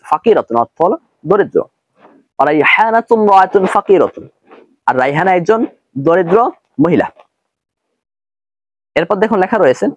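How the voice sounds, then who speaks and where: A man teaching an Arabic textbook lesson, translating slowly word by word and explaining each term. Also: a little high, dry recording, highs cut off.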